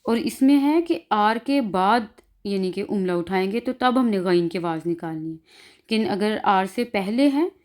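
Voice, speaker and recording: A woman with a Pakistani Urdu accent teaching an online class, speaking slowly and drawing out and repeating each example sound. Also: mid-range voice, expressive, a little mellow. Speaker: language teacher. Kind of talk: online class explaining pronunciation.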